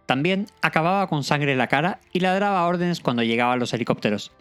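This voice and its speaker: A man with a fairly high, lively voice recaps a TV comedy episode in a playful, animated way. His pitch swings widely as he goes, and faint music plays behind him. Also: fast talker, smooth. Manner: animated, playful, laughs often. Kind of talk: casual retelling of a TV episode.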